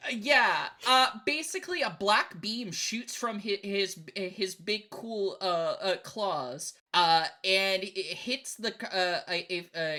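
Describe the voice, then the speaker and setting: A woman playing a tabletop game, casually narrating her moves in a halting, playful way. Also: medium pitch, sharp tone.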